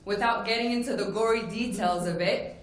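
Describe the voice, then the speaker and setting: A woman's voice: a little high, fairly quick. A woman from Morocco giving an earnest personal talk at a forum, telling her story with frequent "you know" fillers. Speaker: forum speaker. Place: conference plenary hall. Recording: very echoey hall.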